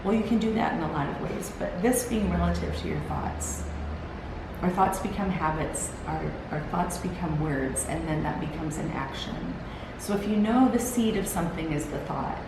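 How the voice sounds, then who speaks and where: Speaking at a moderate pace, a weary host with a gravelly, slightly low voice delivers an earnest solo motivational talk to a timer-set camera. Her encouragement wanders, with sentences often restarted. Strong room echo and a constant hiss sit beneath her.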